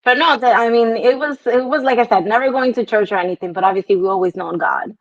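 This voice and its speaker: Slightly high-pitched and quick, a young woman from Brooklyn, Dominican by descent, laughs easily while casually sharing her life story as an interview guest. Her New York accent carries some Spanish, she uses many fillers, and the dull lo-fi video call audio has no echo.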